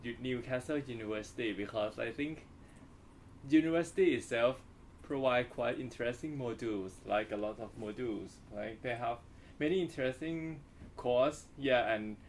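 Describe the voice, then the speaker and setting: A young man from Thailand, a postgraduate student, speaking in halting, simple phrases. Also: medium pitch, a little hiss or hum.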